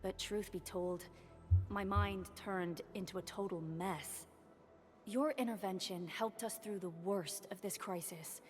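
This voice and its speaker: A woman's voice: mid-range voice, unhurried, soft background music, lightly acted. Woman playing an earnest base director, echoing hall. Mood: earnest, grateful. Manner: earnest, formal, solicitous. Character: grateful, caring female base director. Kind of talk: video game voice acting. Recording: long hall reverb.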